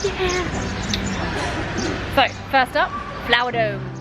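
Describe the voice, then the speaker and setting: A woman's voice: high voice, big pitch swings, takes it slowly. A woman talking casually to viewers as a travel vlogger, chatty and given to exclaiming. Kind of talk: casual travel vlog narration. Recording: loud music and busy crowd noise. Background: music, crowd chatter.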